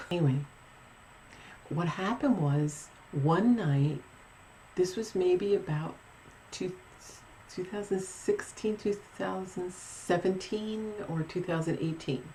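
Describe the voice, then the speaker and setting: Mellow, rambling woman vlogger. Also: on the low side, slight background noise, low-quality recording. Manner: rambling, with many restarts and asides. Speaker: paranormal vlogger. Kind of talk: casual storytelling.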